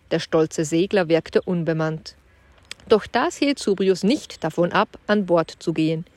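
A woman narrating a children's adventure audiobook with clear, even storytelling. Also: fairly low pitch, dry recording.

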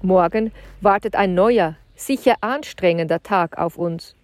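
A woman's voice: mid-range voice, a little slow, no echo, natural voice. A woman doing a sleepy Roman guardsman. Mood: sleepy friendly. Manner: yawning, reassuring. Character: tired adult male Roman guard, friendly on the surface.

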